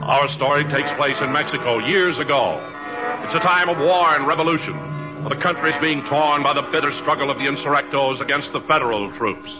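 A man's voice: on the high side, brisk, over music. An American man announcing and setting scenes on a 1950s radio comedy show. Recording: muffled, noisy old radio broadcast.

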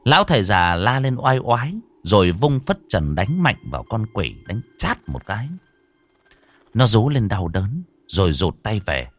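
Deep-voiced man narrating horror, slow. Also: big pitch swings, faint music behind. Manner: slow, dramatic storytelling.

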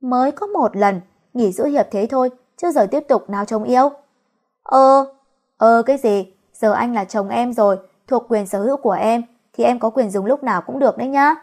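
A woman's voice: on the high side, fairly quick, a little mellow. A woman reading the part of a young wife who sulks and complains out of jealousy. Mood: sulky. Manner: sulky, whiny.

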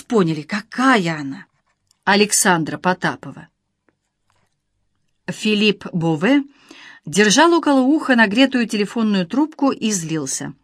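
Woman, audiobook narrator, measured even reading, mid pitch, dry close recording. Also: dry recording.

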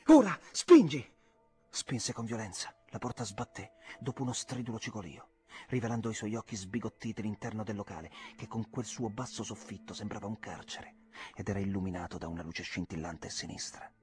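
A man reading a classic novel aloud, with a measured and expressive delivery. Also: lowish voice. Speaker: reader. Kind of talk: audiobook narration.

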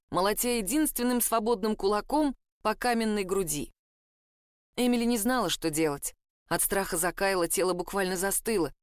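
A woman narrating a novel in a steady, expressive reading voice. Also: mid-range voice, smooth, dry recording, studio quality. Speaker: audiobook narrator. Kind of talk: scripted narration.

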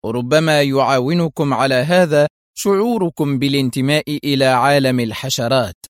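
A man's voice: medium pitch, fairly quick, mellow, no echo, clean studio sound, natural voice. A man voicing a defiant male secret agent in an audio story, sarcastic and fierce under pressure.

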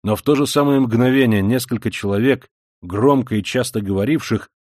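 Guy reading a novel aloud, steady and measured, mid voice, dry no room echo. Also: mid-range voice. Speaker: audiobook narrator. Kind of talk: scripted literary narration.

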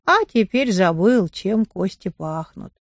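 A loyal, gentle old dog, voiced by a woman reading the story, soft and consoling. The voice is quiet and a little lower than the reader's own. It is recorded dry and close in a storybook reading. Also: expressive, slow pace, no echo.

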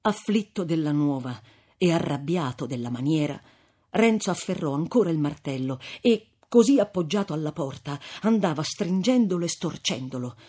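A woman reading a classic novel aloud as narrator, with measured, expressive storytelling and a husky voice. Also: deep voice. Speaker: audiobook reader.

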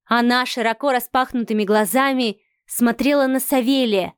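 A woman narrating an audiobook in steady, measured storytelling. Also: fairly high pitch, smooth, no echo, clean studio sound.

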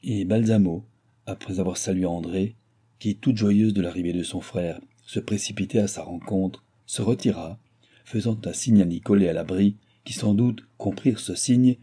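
A man narrating a classic novel as an audiobook reader, in a measured storytelling manner. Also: lowish voice, dark tone, breathy edge.

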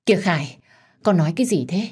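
A woman's voice: expressive, quick pace, darkish tone, slightly rough. A woman voicing a bossy older mother-in-law who scolds sharply in a told story. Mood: scolding. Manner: scolding, shrill.

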